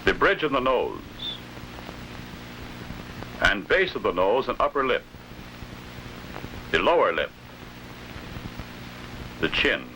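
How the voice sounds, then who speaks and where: An old instructional film is narrated by a forceful American man who speaks slowly and pauses often, his pitch stepping about in a lively way. His tone is formal and authoritative, each phrase carefully enunciated against a noisy vintage soundtrack.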